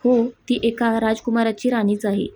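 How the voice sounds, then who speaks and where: A woman reading the lines of a sly, mocking middle-aged aunt, in a husky voice. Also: fairly high pitch, flat delivery, moderate pace, mellow, a little hiss or hum, lightly acted.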